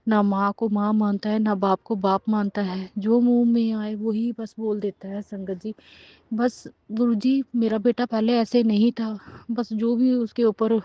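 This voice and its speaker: A middle-aged woman giving an emotional spoken testimony and prayer, pleading and halting, often restarting her words. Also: mid-range voice, dry recording. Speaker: devotee sharing a testimony. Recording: dull lo-fi sound.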